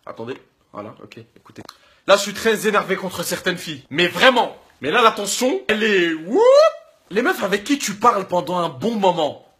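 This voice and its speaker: A young man performing a comedy sketch monologue, ranting and shouting insults. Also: high-pitched, animated, normal speed, reverberant.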